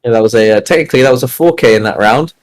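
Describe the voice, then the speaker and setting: A man co-casting a live esports match, giving steady, analytical breakdowns of strategy and plays. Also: medium pitch, very fast, poor audio. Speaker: esports co-caster. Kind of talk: live game commentary and analysis.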